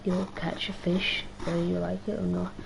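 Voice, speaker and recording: A woman's voice: lowish voice, monotone, normal speed, vocal fry, background noise. A young woman livestreaming a game, rambling in a casual, slangy way with a strained, worn-out voice. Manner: rambling, slangy, swears, talks to herself. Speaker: gaming livestreamer. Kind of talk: casual live-stream chat while playing.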